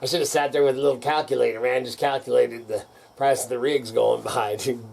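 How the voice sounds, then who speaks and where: An older man with a rural American accent, a vlogger, rants casually to camera in a rowdy, folksy redneck style, salty and full of "man" and "dude." His voice is medium-pitched and steady, a little fast and a little mellow, with vocal fry. There's slight background noise.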